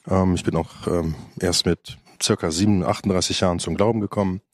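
A man in his late fifties with a very deep voice introduces himself hesitantly, often pausing with filler sounds. The sound is dry and close. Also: steady tone, no echo. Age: 50s. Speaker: panel guest.

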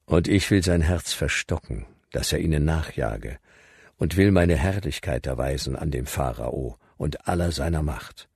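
Man playing the voice of god, very deep, husky, grave and commanding, dry close recording. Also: lively intonation, darkish tone, no echo, exaggerated voice. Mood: solemn commanding. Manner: solemn, grave, measured.

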